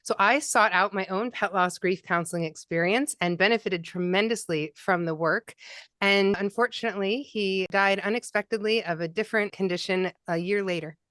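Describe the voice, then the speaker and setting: Smooth-voiced woman grief counselor. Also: medium pitch, moderate pace, dry recording. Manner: gentle, validating, articulate. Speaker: pet loss grief counselor. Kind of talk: interview guest.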